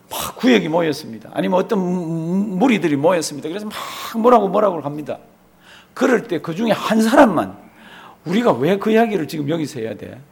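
A man's voice: high voice, gravelly, slightly rough. A male pastor preaching a sermon, firing off rhetorical questions and drawing the congregation in to read along.

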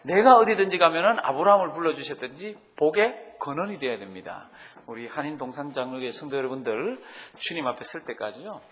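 Animated male pastor preaching in a reverberant church. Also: on the high side. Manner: animated, rising emphatically to make points. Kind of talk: sermon with storytelling. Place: church sanctuary.

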